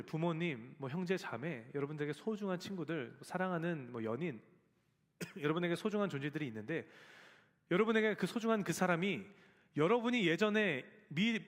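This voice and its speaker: Lively high-voiced pastor in a church hall. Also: male voice, fairly quick. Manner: storytelling, acts out quoted voices; addresses the congregation directly. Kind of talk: sermon. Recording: long church reverb.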